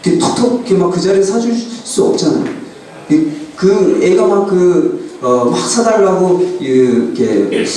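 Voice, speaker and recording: Animated man lecturing in an echoing hall. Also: high voice, unhurried, slight background noise. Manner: animated, quizzes the audience with questions. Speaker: pastor. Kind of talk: lecture to a church class. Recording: roomy hall from a distant mic.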